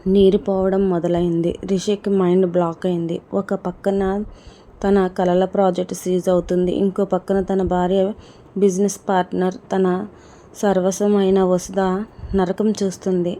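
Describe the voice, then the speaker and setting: A woman's voice: fairly low pitch, level tone, normal speed, mellow. A woman narrating a dramatic story in scripted storytelling style.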